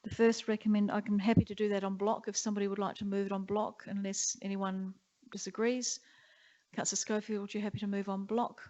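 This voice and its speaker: A woman chairing a council meeting, running through motions and votes in a brisk, procedural way. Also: mid-range voice, level tone, mellow. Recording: dull muffled council chamber audio.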